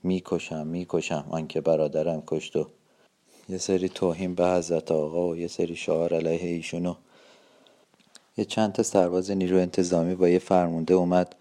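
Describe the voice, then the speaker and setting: Deep, dark-voiced man recounting events. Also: level tone. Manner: tense, vivid storytelling with quoted dialogue. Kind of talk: personal eyewitness account.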